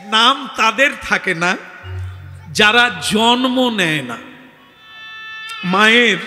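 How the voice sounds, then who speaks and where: High-voiced man preaching in a hall. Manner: theatrical, acts out dialogue with shouts. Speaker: kirtan singer and preacher. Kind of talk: devotional sermon storytelling. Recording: reverberant hall, music behind.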